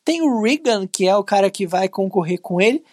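A Brazilian woman co-hosting a talk show, presenting news items in a conversational way with quick asides. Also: mid-range voice, lively intonation, a little mellow, dry recording, clean studio sound. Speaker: co-host. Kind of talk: casual news commentary.

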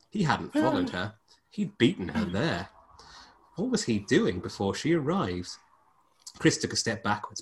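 A man hosting a podcast, reading a book aloud in a comic style and often breaking into laughter. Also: a bit bright. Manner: laughs often, swings pitch widely.

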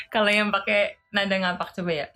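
A woman's voice: medium pitch, bright, forceful tone. A woman chatting casually on a live stream, playful and laughing often as she reads viewer comments aloud and tries simple Japanese phrases.

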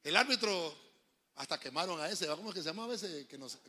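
A middle-aged man with a Honduran Spanish accent, preaching a lively sermon, telling jokes and stories and acting out voices. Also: on the high side, very fast, husky. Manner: joking, storytelling preacher, acts out voices. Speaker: pastor.

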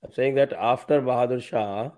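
A man with an Indian accent and a medium-pitched voice acts as interviewer. He frames his questions in a conversational style. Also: moderate pace, warm tone.

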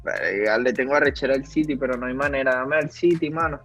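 A man giving quick, bantering picks in a casual chat. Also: mid-range voice. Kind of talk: casual chat among friends. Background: background music.

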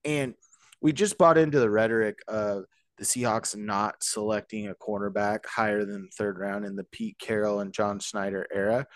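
Lively, joking sports podcast host man. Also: lowish voice, no echo. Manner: animated, joking, rambling asides. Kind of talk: casual sports podcast chat.

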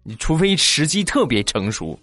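A man's voice: on the high side, very animated, normal speed, over music. A man hosting a comedy show, telling funny anecdotes in a chatty style and laughing at his own jokes. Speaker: comic storyteller host. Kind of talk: comic anecdote storytelling.

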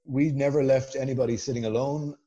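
Mellow west of Ireland man, chatting. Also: mid-range voice, fairly even intonation, brisk, highs cut off. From Galway, west of Ireland. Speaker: podcast guest. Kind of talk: casual conversational storytelling.

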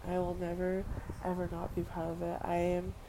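A young woman from Western Samoa records a personal vlog monologue against noisy background ambience. Her lowish, gravelly voice is monotone at a normal pace, and she speaks earnestly, repeating phrases and using casual fillers.

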